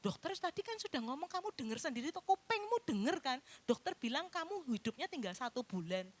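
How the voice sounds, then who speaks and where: A woman's voice: high voice, big pitch swings, fairly quick. A woman preacher voicing a sly devil who needles and coaxes a sick listener. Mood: taunting. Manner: wheedling, needling. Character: sly taunting devil, coaxing and mocking.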